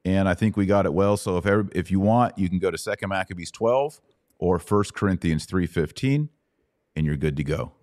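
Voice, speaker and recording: A middle-aged American man hosts a conversational session answering Bible questions, explaining things step by step and checking understanding with short questions. His voice sits low with a darkish tone, a little fast. The recording is dry, with clean studio sound.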